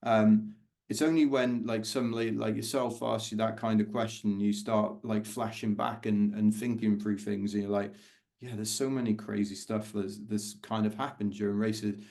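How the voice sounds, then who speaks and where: A middle-aged man with a London accent tells stories from his runs as a guest on a casual podcast. His voice sits low, with a gravelly fry, and he slips into other people's voices and laughs as he goes. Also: moderate pace. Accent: London English. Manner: animated anecdotes, acts out quoted voices, laughs often. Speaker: podcast guest, ultra endurance runner. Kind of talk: casual storytelling interview.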